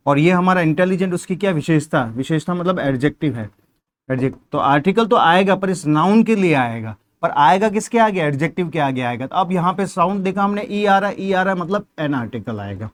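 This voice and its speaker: An expressive man with a somewhat high voice and a Hindi accent moves at a slightly quick pace. His exam-prep grammar lesson unfolds step by step, with questions he poses and then resolves.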